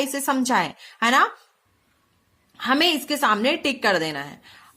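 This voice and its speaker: A young woman teacher giving a recorded video lesson for children. She reads example sentences slowly and clearly and puts questions to the class. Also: on the high side, pushed and bright. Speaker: school teacher.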